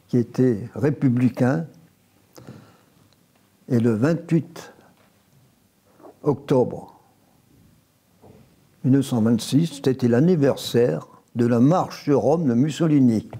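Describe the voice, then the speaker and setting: In an oral history interview, a man in his nineties unhurriedly recounts his memories, often restarting and correcting himself. His mid-pitched voice is warm with a slight roughness. He is French, raised near Évian after spending his early childhood in Italy.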